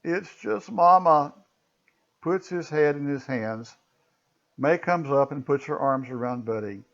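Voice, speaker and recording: A man's voice: mid-range voice, a little slow, dull audio. Man reading a story aloud. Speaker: narrator.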